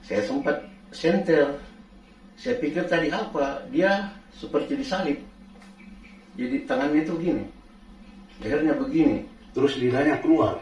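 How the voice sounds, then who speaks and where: A man casually recounting a true experience, halting and repeating phrases as he goes. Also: fairly high pitch, darkish tone. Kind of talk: casual spoken storytelling. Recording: roomy, distant mic, faint background noise.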